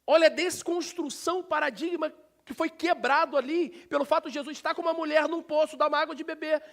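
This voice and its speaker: Brazilian pastor, male, very high-pitched, lively preaching to his church. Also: fast, vocal fry. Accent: Brazilian Portuguese. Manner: preaching with sudden loud shouts; animated, talks directly to the congregation. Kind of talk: sermon. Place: church sanctuary.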